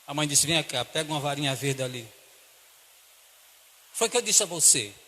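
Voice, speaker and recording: A man with a Brazilian Portuguese accent preaching a sermon and telling a story, acting out the voices and swinging between hushed and loud delivery. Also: fairly high pitch, animated, moderate pace. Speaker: pastor. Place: church hall. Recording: church hall with long reverb.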